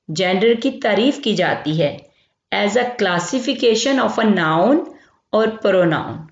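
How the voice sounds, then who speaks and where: A woman from Pakistan teaching a grammar lesson. She explains slowly and keeps checking in as she repeats each term. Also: medium pitch, vocal fry. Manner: explains slowly, repeats terms, says "theek hai" often. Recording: lo-fi echoey room.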